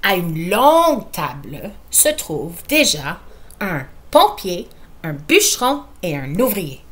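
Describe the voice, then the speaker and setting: A teacher with a Quebec French accent reading a picture book aloud in a playful, expressive way, talking to young listeners. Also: female voice, fairly low pitch, slow.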